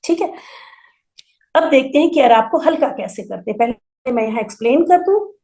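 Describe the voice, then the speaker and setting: A woman teaching an Arabic grammar class, explaining patiently and slowly repeating word forms for emphasis. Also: sits high, expressive, mellow. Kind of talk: online class lecture.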